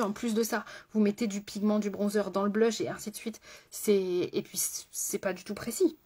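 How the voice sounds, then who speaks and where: A woman's voice: mid-range voice, darkish tone, husky. A woman makeup artist chatting through a live makeup tutorial, talking straight to her viewers with rambling asides.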